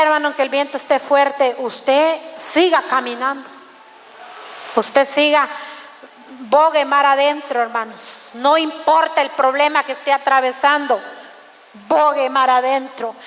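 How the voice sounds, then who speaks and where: A woman's voice: sits high, a bit bright, big-room sound. A woman preaching a fervent sermon, calling out to the congregation again and again. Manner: fervent, repeatedly addressing the congregation as brothers.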